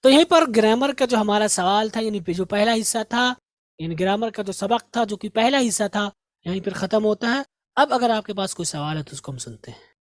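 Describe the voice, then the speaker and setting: A woman at a middle pitch teaching vocabulary in a patient, drilling way. She says each word twice, slowly and clearly, before glossing it. The sound is dry and close, with no room echo. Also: animated. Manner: repeats each word slowly to model pronunciation. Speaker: English teacher. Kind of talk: spoken language lesson.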